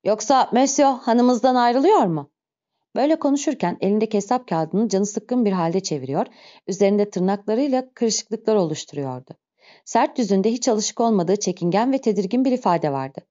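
A woman narrates a classic novel in a steady, measured reading voice. Her tone is mellow and soft-edged. The recording sounds dull and lo-fi. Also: mid-range voice. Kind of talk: audiobook narration.

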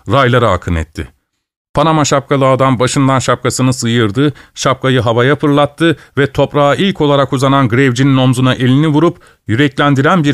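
A man reading a story aloud as narrator, in a measured, descriptive way. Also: mid-range voice, no echo, clean studio sound. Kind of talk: scripted narration.

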